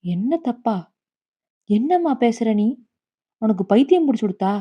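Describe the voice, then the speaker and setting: A woman's voice: fairly high pitch, expressive, a little slow, breathy edge. A woman doing a harsh orthodox son. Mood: angry. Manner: curt, shouting through clenched teeth. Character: harsh orthodox middle-aged son, shouting and rigid.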